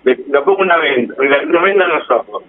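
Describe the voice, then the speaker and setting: Fast-talking and animated, a man with a slightly high voice and Argentine accent chats as a guest, drifting along and restarting his sentences. Tinny, narrow audio.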